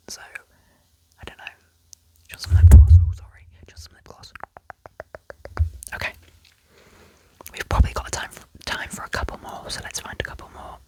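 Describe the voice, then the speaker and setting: A woman in a whispered role-play as an ASMR judge, reading out posts with chatty asides and little self-corrections. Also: poor audio. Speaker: ASMR creator reading and judging online posts.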